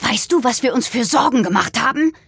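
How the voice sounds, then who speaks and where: A woman doing a furious shouting father. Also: fairly high pitch, lively intonation, brisk, vocal fry, slightly rough, voice pushed up, heavily acted. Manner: shouting, raised. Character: furious frightened father shouting at his teen daughter.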